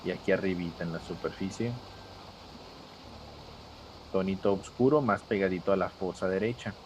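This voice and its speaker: A man's voice: low-pitched, steady tone, normal speed, darkish tone, slight background noise, low-quality recording. A man teaching a live drawing class, patient and step by step, calling on students by name.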